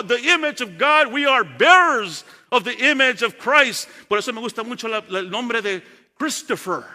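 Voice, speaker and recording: A man preaching a bilingual sermon in a church sanctuary. He switches between Spanish and English and delivers slow, emphatic lists. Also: very high-pitched, sharp tone. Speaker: pastor. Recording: long church-hall reverb.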